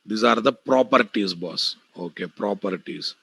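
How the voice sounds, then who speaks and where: A man's voice: fairly low pitch, unhurried, creaky, a bit bright, breathy edge, no echo. A man with an Indian Telugu accent teaching a live online programming class, bluntly addressing students and repeating key phrases. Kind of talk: live online technical lecture.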